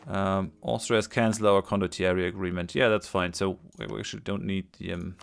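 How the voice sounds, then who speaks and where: Man, gaming commentary, thinking aloud, hesitant, voice tiring, creaky. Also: low voice, flat delivery, a little fast. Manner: thinking aloud, hesitant with many fillers and restarts. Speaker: let's play host. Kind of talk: casual gameplay commentary.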